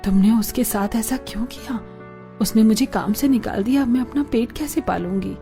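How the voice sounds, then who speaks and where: A poor hard-working mother in a cartoon speaks gently and anxiously, voiced by a woman. Her voice is fairly high and meek. Faint music lies underneath. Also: moderate pace, lightly acted. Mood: worried. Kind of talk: animated story dialogue.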